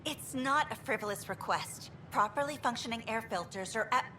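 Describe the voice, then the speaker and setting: A woman's voice: fairly high pitch, animated, moderate pace, sharp tone, a little hiss or hum. A woman voicing a frustrated female engineer on a space station, venting in an earnest, exasperated way.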